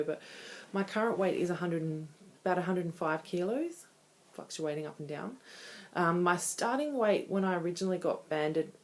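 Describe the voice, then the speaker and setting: A woman's voice: sits low, a little mellow. A woman in her thirties talking candidly and conversationally in a casual personal video diary. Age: 30s. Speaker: vlogger.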